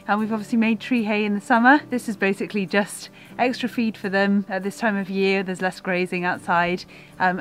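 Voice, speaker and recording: Young woman chatting casually on her farm. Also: mid-range voice. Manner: relaxed, thoughtful, many fillers. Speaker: farmer and vlog host. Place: outdoors on a farm and in a goat shed.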